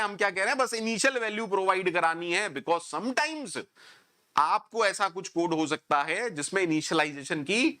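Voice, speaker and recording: A man's voice: sits high, bright, forceful tone. A man giving an online programming lecture, scolding and sarcastic with his students. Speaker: programming teacher.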